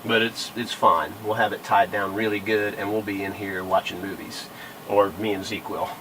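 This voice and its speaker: A man's voice: lowish voice, flat delivery, moderate pace. A man talking casually and methodically as a liveaboard sailor hosting a vlog. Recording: noisy boat recording with windy ambience.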